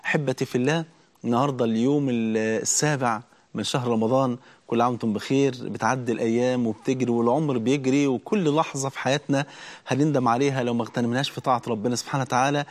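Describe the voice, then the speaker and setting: A man's voice: medium pitch, steady tone, very fast. A man with an Egyptian Arabic accent preaching a religious sermon as host of a Ramadan program, fervent and emphatic, building as he goes.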